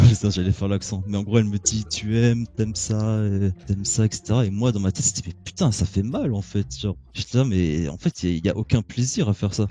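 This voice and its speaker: Laid-back young man with a dark voice. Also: on the low side, fast, hardly any pauses, soft background music. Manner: crude, laid-back, laughing storytelling. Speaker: caller telling a story. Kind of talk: casual storytelling chat.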